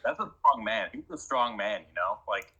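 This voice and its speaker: Bright, husky-voiced man rambling. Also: on the low side, sing-song, normal speed, poor audio. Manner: rambling, emphatic, many restarts. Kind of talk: casual conversation.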